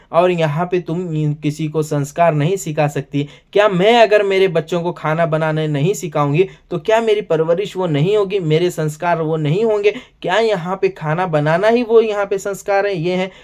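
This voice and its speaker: Male reviewer, high voice, chatty casual recap style with plenty of filler. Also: darkish tone. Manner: chatty, keeps saying "bhai" and "yahan pe". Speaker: show reviewer.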